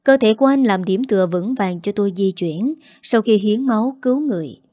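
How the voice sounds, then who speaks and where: Woman narrator, first-person story, steady reading, warm dark tone, dry close mic. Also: mid-range voice, fairly quick, dry recording.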